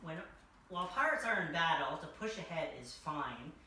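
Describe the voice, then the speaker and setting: The costumed king reading a picture book at a children's story time is a young adult with a mid-range voice, lively intonation, and a pushed, bright tone at normal speed. The large furnished room echoes, and the distant camera microphone picks up faint noise.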